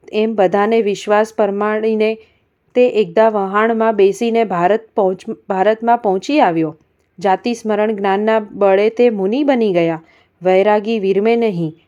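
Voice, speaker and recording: A woman reading a religious story aloud in a calm, even storytelling manner. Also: mid-range voice, muffled recording. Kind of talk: scripted religious story narration.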